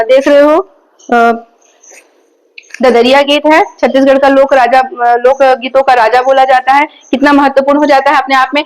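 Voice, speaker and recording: High-voiced woman teacher. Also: poor audio. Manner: explanatory, repeats key points and asks rhetorical questions. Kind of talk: exam coaching lecture.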